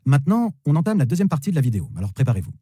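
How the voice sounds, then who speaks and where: Guy teaching words, says each one three times, husky voice, lively pitch. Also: no echo. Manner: slow, repeats each word three times. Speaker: English teacher. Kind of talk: vocabulary lesson, repeating words.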